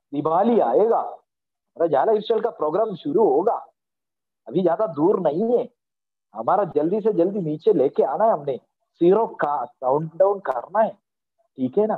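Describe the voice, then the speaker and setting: A man's voice: high-pitched, husky. A man leading a company meeting online, giving a motivational pep talk in an earnest, reassuring way and often checking that listeners agree. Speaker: company leader addressing members. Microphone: video call. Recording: tinny, phone-like video-call audio.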